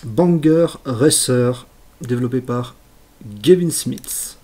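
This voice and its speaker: A man's voice: medium pitch, slow pace. A man giving live commentary as he plays old games on stream, exclaiming at his mistakes and joking about himself. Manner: excitable, exclaims and talks to himself while playing; self-mocking asides.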